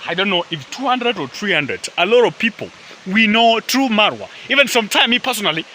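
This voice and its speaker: This YouTube vlogger is a man whose first language is Swahili, speaking outdoors near a river in a forest. His voice is high, bright and forceful, with lively intonation and a brisk pace, caught on a low-quality recording with slight hiss or hum. He rambles casually to camera, leaning on fillers and addressing his audience as "guys" again and again.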